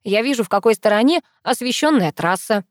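A woman's voice: on the high side, lively intonation, brisk, no room sound, studio quality, natural voice. A woman reading the part of a teasing young man, the narrator's best friend, in an audiobook, with a playful, mocking manner. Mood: matter-of-fact.

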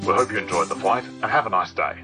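A man's voice: low voice, fast talker, over loud music. A man making a formal pilot announcement to passengers over the intercom. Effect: airline pilot announcement over the intercom. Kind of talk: scripted announcement.

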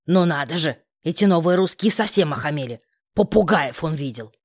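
Woman doing a gruff, grumbling old aunt. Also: low-pitched, expressive, normal speed, voice pushed down. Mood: indignant. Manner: grumbling, barking, blunt. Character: gruff grumbling older aunt, bossy and fussing.

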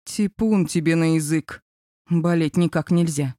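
A woman's voice: low-pitched, a little slow, dark tone, no room sound. A woman reading an audiobook, voicing a prim, flustered female office boss. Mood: dry. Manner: dry, prim.

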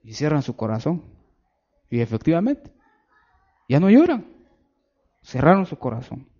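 A preacher with a high voice delivers an emphatic sermon. He draws out stressed phrases and sinks low for asides to his listeners. The recording sounds dull and lo-fi. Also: sing-song, unhurried, mellow.

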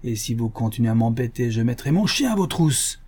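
A gruff, blustering poultry dealer, put on by a male reader, pitched a little high. The voice underneath is mellow and husky, with an audiobook reading manner. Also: lively intonation, moderate pace. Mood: furious.

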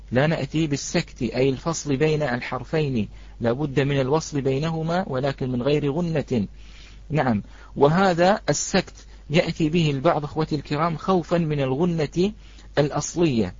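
A man's voice: fairly high pitch, husky, dry recording. Patient man teaching Quran recitation. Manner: patient, repeats points, recites examples slowly. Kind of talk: online tajweed lesson. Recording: dry, slightly dull.

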